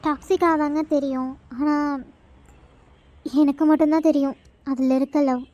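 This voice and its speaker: A devoted, stubborn young college woman, voiced by a woman speaks earnestly with a sulky edge in this amateur audio drama. Her voice is very high and thin. It is recorded close and dry. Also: fairly even intonation, moderate pace, warm tone, dry recording, highs cut off, natural voice.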